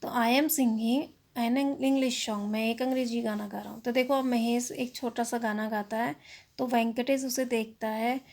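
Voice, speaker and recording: A woman's voice: on the high side, darkish tone. A woman teacher with an Indian accent, spelling English words out letter by letter and explaining them in Hindi.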